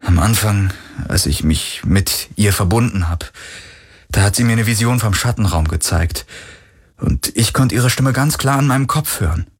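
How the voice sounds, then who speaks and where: A man reading a gentle, earnest young hero. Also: lowish voice, animated, moderate pace, breathy edge. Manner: soft, earnest, casual. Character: young man, gentle loyal friend, grieving. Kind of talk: audiobook character voice.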